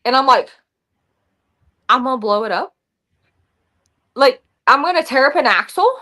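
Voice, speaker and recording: A young adult woman telling stories casually, lively and saying "like" often. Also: high voice, normal speed. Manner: animated, says "like" often, acts out quotes. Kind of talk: casual storytelling.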